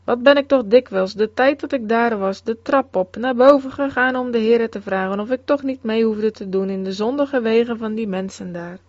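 A woman's voice: on the high side, normal speed, few pauses, darkish tone, dry recording, close to an everyday voice. A woman reading the quoted words of an elderly devout mother, voiced plainly and pleadingly. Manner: pleading, sorrowful quoted speech. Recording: dull, dry close recording.

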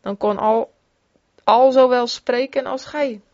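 A woman reads an old devotional memoir aloud in a fairly high voice, earnest and fervent. The recording is dull and lo-fi, with a dry sound and no room echo. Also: fairly even intonation, slow pace, darkish tone. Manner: earnest, with rising fervor in exclamations.

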